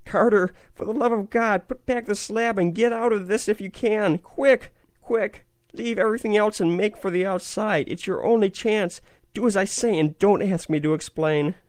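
A panicked man trapped deep in a vault cries out in a shaky, hoarse voice, high and strained well above a normal speaking pitch, as a male storyteller puts him on. His frantic pleas come loud and close, in a dry sound with no room around it. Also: moderate pace, no echo, close to an everyday voice. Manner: frantic, pleading shouts.

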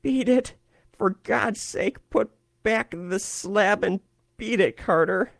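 A panicked man trapped deep in a vault cries out in a shaky, hoarse voice, high and strained well above a normal speaking pitch, as a male storyteller puts him on. His frantic pleas come loud and close, in a dry sound with no room around it. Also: takes it slowly, no room sound, full character voice. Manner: frantic, pleading shouts.

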